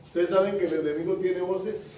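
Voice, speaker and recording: A man's voice: high voice, steady tone, fairly quick, warm tone, slight background noise. A male pastor preaching a sermon, often asking the congregation questions. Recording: echoey room with the mic at a distance.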